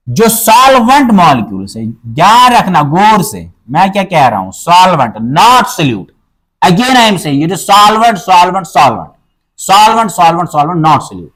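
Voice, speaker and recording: A male teacher explaining a biology lesson, asking himself questions and answering them, repeating key terms and slowing down to dictate definitions. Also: sits high, poor audio.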